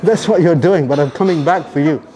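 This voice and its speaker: A man's voice: a little high, brisk, dark tone. A man hosting a vlog, teasing and joking with guests in a cafe, recorded on a handheld camera mic. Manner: playful, teasing, self-mocking. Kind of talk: casual teasing chat. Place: indoor cafe.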